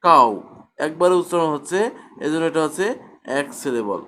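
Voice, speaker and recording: A man's voice: a little high, animated, pushed and bright, a little hiss or hum. A man teaching a grammar lesson, asking his own questions and answering them. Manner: repeats questions and answers them himself, slow and deliberate.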